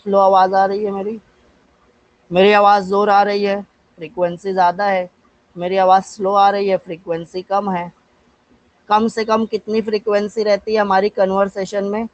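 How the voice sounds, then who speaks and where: A man from India teaching physics with an Indian accent in a live online class, asking and answering his own questions, slowing down to dictate English definitions and calling on students by name. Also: high voice, completely flat delivery, highs cut off.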